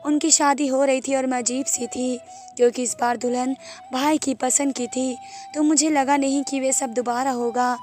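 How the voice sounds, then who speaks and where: A woman tells an emotional first-person story with a sorrowful, heartfelt delivery. Her voice is high and stays fairly even in pitch, and soft music plays underneath. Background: faint music.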